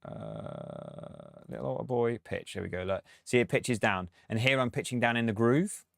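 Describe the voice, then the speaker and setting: A man's voice: medium pitch, sing-song, normal speed, creaky, fairly bright tone, a little hiss or hum. A man and music producer, talking through a track on a live stream, chatty and thinking aloud with frequent laughs.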